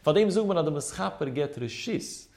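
A man's voice: a little high, expressive, brisk, darkish tone. A man teaching a Talmud lesson in a sing-song study chant, asking questions and answering them himself as he explains step by step. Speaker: religious teacher.

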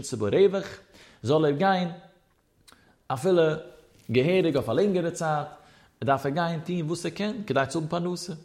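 A man's voice: on the high side, a little mellow. A man teaching a religious law lesson, citing sources in a rising and falling cadence. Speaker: Torah teacher.

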